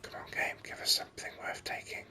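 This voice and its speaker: Close to the mic, a gaming host offers unhurried, hesitant musings as ASMR commentary, all in a breathy whisper. It has a pushed, bright quality.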